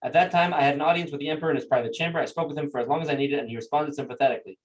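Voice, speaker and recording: A man, a rabbi, teaching a class through animated, conversational storytelling. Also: on the high side, racing, lo-fi sound. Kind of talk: storytelling lesson. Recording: distant mic.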